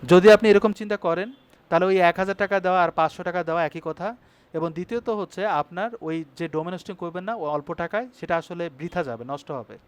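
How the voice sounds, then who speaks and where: Male instructor, high voice, brisk tutorial delivery with frequent check-ins to the class. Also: clean tone. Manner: brisk, checks in with students often. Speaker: web design instructor. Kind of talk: live online class tutorial.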